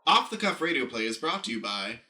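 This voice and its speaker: A man's voice: mid-range voice, big pitch swings, brisk, bright, forceful tone, roomy sound. A man narrating an improvised radio play, announcing scenes and stage directions.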